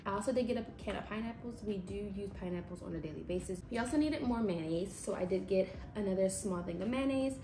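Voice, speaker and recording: This young woman vlogger has a mellow mid-range voice and talks fast with hardly any pauses as she casually walks through her grocery haul at home, chatty and matter-of-fact. She's recorded by a camera a few feet away across the counter, so the sound is distant, echoey, and slightly noisy.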